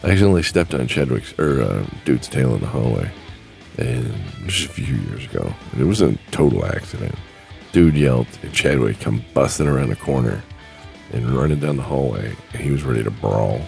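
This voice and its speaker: A man's voice: rumbling low, animated, moderate pace, vocal fry, darkish tone, faint music behind. A man hosting a casual solo podcast, rambling and plainspoken, choking up with grief. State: grieving, choking up. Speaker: podcast host.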